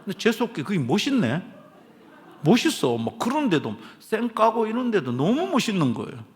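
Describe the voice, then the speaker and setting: A man's voice: high-pitched, huge pitch swings, normal speed, long reverb tail. A man preaching a sermon as a pastor, telling a story with humor and quoting people. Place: church sanctuary.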